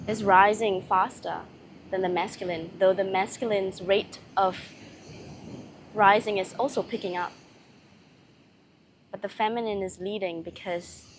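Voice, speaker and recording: A woman voicing a serene, loving goddess in a channelled spiritual message, speaking solemnly with long pauses between short phrases. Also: medium pitch, a little hiss or hum, close to an everyday voice, rough recording.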